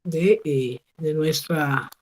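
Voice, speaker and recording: A woman teaching an English class over a video call. She models each phrase slowly and keeps checking with her students. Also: low-pitched, breathy edge. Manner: patient, slow model pronunciation with frequent check questions. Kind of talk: online class instruction.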